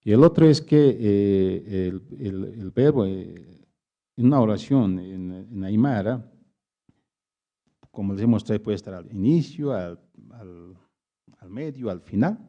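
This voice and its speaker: A man lectures to an audience and answers their questions. He stops often to search for words. His voice is deep-toned, dark and gravelly, and the recording sounds muffled and lo-fi. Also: lively intonation. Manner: hesitant, searching for words with many pauses. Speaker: invited speaker at a public talk.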